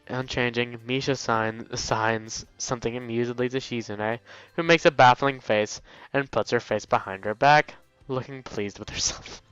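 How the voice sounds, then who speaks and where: Clean and fairly bright, this young man's mid-range voice carries a playful let's play reading of a visual novel, complete with stumbles over the lines. There's no echo, but the lo-fi mic sounds dull and game music runs throughout.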